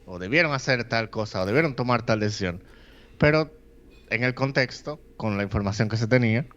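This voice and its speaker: A man's voice: medium pitch, brisk, fairly bright tone, muffled recording. A man, co-hosting a podcast, explaining at length and mixing in English phrases. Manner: rambling explanations with English phrases and many "eh" fillers. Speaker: podcast co-host. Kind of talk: casual chat.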